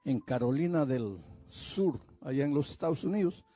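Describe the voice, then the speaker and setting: An older man from Peru, a pastor telling a story in a sermon, slow and measured, voicing the people he quotes. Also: medium pitch, lively intonation, mellow, dry recording, soft background music.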